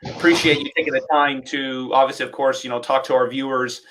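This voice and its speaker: A man's voice: medium pitch, fairly even intonation, a little fast, fairly bright tone, a little hiss or hum. A man hosting a dance livestream interview, enthusiastic and rambling, with many fillers and restarts. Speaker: host and dance instructor.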